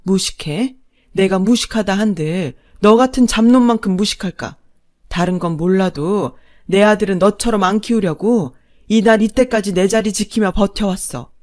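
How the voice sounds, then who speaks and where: A woman voicing an older mother-in-law, long-suffering but now defiant, scolding loudly and forcefully. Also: mid-range voice, moderate pace, close to an everyday voice. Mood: furious.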